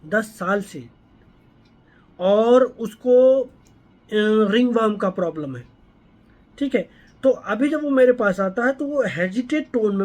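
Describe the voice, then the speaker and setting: A man, a homeopathy doctor, walking listeners through a patient case and often checking that they follow. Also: extremely high pitch. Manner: explanatory, keeps checking in with listeners. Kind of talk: explaining a patient case to students.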